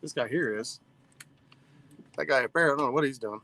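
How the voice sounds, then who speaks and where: Gravelly-voiced guy in his 40s, live fishing stream host on a boat, faint outdoor noise. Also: mid-range voice, fairly quick, sharp tone, rough recording. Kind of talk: casual chat reading live comments.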